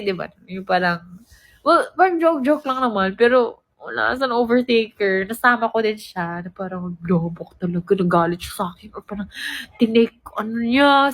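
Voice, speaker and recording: A woman's voice: on the high side, a bit bright, rough recording. A young woman in casual chat, rambling and switching languages as she tells a story, sometimes close to tears. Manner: rambling, code-switching, self-described overthinker. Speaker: live stream host.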